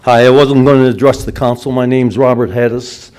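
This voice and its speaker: A man's voice: medium pitch, steady tone, fairly quick, darkish tone. A man in his seventies from Michigan, giving a rambling, insistent public comment at a city council meeting. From Dearborn, Michigan. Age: 70s. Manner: rambling, insistent, repeats "and so forth".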